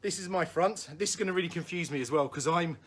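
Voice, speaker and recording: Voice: mid-range voice, fast. A stage combat instructor teaching footwork at home, explaining each step patiently and reassuringly, with the odd light laugh, while calling out drills to follow. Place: room at home during lockdown. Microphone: camera in front of a standing speaker.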